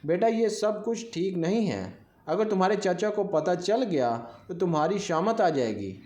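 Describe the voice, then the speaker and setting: Stern scolding aunt read by a man, storybook narration, high voice, roomy echo. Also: expressive, a little mellow. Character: stern middle-aged aunt scolding her nephew. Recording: echoey room.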